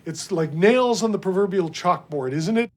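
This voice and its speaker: A man's voice: sits high, lively intonation, moderate pace, heavy background noise. A man, a scientist, explaining conversationally in a documentary and checking in with short tag questions. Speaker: scientist, interviewee.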